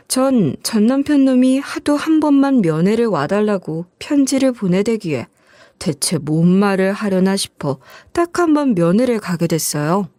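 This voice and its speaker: A woman's voice: mid-range voice, dark tone, no echo. A woman narrating a dramatic true-life story, blunt and cutting when voicing her own lines.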